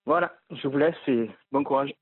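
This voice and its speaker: A man calling in and leaving a voicemail message, talking hesitantly with many pauses and fillers. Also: mid-range voice, no room sound. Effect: leaving a voicemail over the phone. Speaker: caller. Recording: tinny phone line, dry.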